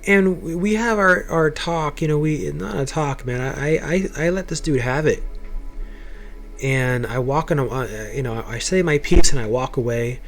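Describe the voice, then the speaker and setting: A man's voice: a little high, normal speed, faint music behind. A young man telling his own life story to camera, swearing freely and stumbling over repeated words as he gets worked up.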